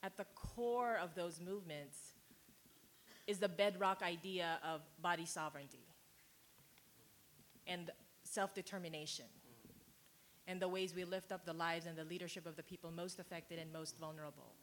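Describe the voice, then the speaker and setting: A woman, speaking as a community organizer on a panel in a measured, emphatic way. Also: lowish voice, steady tone, fairly bright tone, a little hiss or hum. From Philippines. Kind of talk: panel talk.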